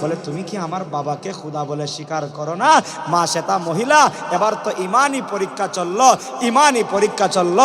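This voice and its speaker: A man with a Sylheti Bengali accent preaching a sung waz sermon, chanting and calling on the crowd to answer louder. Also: high-pitched, normal speed. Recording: echoey PA sound with crowd. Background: crowd responding.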